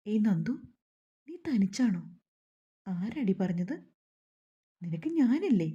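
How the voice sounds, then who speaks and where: A woman voicing an affectionate young man who teases playfully and comforts gently. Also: mid-range voice, big pitch swings, slow pace, breathy edge, highs cut off, exaggerated voice. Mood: comforting. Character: affectionate teasing young man, warm-hearted.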